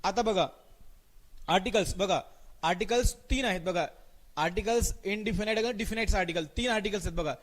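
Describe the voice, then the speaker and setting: A man with a Marathi accent teaching an English grammar exam-prep class live online. He calls on students by name, repeats his questions and answers, and drags out the example sentences slowly. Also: high-pitched. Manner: mixes English words into his speech, stretches out spoken example sentences.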